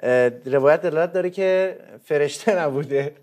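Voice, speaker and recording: Brief: polite host, man, a bit high-voiced, measured and courteous. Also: darkish tone. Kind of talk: religious studies discussion.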